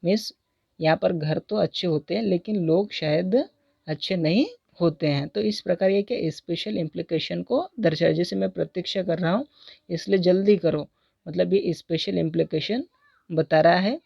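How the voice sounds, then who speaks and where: A man teaching a recorded lesson on English intonation in Hindi. He has an Indian English accent and reads the English example sentences slowly and deliberately. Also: high voice, gravelly, a little mellow, dry recording, muffled recording.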